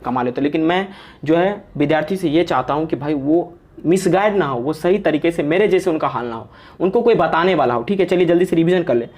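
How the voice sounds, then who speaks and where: With a little high, somewhat mellow voice, a young man runs an informal online lesson on English vocabulary. He chats, teases, cracks jokes, and drops an "okay" after nearly everything he says.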